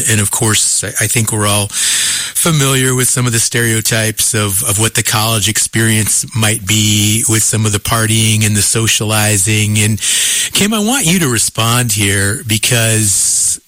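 A man hosting a live call-in radio show with a smooth radio host manner, calmly introducing callers and passing questions to a guest over a studio microphone. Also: fairly low pitch, unhurried, no echo.

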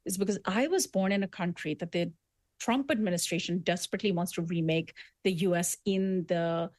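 A woman's voice: on the low side, a little fast, a little mellow, dry recording. A woman born in Dubai, speaking as a guest author in an interview, making emphatic arguments with frequent restarts. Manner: earnest, emphatic, building arguments with repetitions. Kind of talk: conversational interview.

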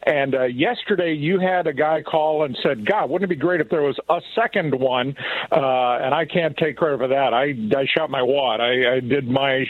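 A man phoning in to a radio show, talking casually and rambling with many pauses. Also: mid-range voice, no echo. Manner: rambling, many fillers and restarts. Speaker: regular radio caller. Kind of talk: casual phone call. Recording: phone line.

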